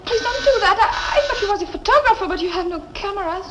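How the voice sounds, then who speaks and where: An actress with a French accent playing a naive, emotional young would-be model in a 1930s film comedy. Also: female voice, very high voice, lively intonation, quick pace, noisy background. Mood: flustered, pleading. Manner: hesitant, emotional. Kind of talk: 1930s Hollywood comedy acting. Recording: old 1930s film soundtrack, music behind.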